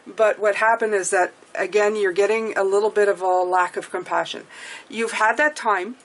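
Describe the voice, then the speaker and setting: Here the tarot reader's voice sits mid-range, with fairly even intonation and a moderate pace. A native French speaker talking English with a French accent, she gives a relaxed reading, sounding chatty and reassuring and often closing with "okay?"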